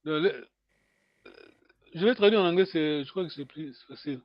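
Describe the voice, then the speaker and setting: A man teaching a language lesson over a video call, patient and hesitant, with many pauses and fillers. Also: fairly high pitch, dry recording, highs cut off.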